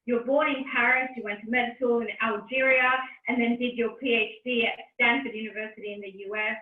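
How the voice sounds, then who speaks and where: A woman's voice: fairly high pitch, fairly even intonation, a little fast. A woman moderating a forum interview, introducing her guest and asking questions in a formal, welcoming way. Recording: tinny, echoey, distant phone-like sound.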